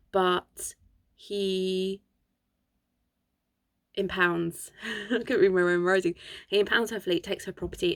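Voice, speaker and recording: Gravelly woman recounting history. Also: on the low side. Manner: chatty, digressive, reading from notes. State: sore throat. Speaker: history channel host. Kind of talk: casual history storytelling from notes.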